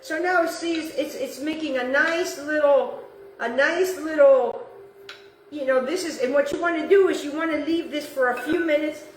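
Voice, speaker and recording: A native Italian speaker from Italy hosts a casual home cooking demonstration in her kitchen, chatting as she works, repeating herself, and talking to the viewer. Her voice is high and moderately paced. She's off-mic and distant in an echoey kitchen, with a little hiss or hum.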